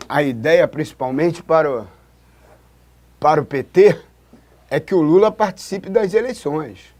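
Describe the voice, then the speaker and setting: A Brazilian writing teacher with a mid-range, slightly mellow voice gives a classroom-style lesson at a board. He's demonstrative, pointing things out as he writes and repeatedly saying "look."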